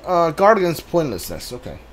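With faint video game ambience behind him, a streamer talks through his gameplay live, thinking aloud in a hesitant, rambling way. His voice is fairly high, swings widely in pitch, and moves fairly quickly.

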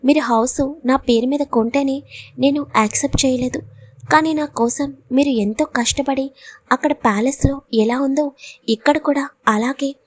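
Woman narrator voicing an upset young heroine, high-pitched, dry close sound, audio storybook. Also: no echo, lightly acted. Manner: pleading, emotional. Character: young woman, tearful and self-doubting.

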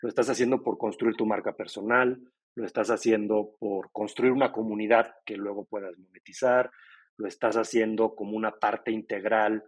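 Here a middle-aged podcast company co-founder guests on an easygoing interview, giving fluent, explanatory replies to the questions. He has a lowish, slightly rough voice.

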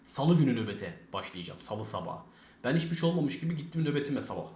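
Young male streamer, rapid rambling anecdote voice with lots of swearing, roomy echo. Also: medium pitch, sing-song, a little mellow. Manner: fast, rambling, swears a lot, acts out quoted dialogue. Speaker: streamer telling a story. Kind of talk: casual storytelling with heavy swearing.

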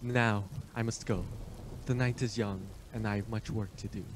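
An actor playing a suave, imperious Transylvanian vampire count in a radio play, speaking with formal, deliberate, ominous politeness. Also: male voice, lowish voice, steady tone, noisy background, close to an everyday voice. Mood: courteous, ominous.

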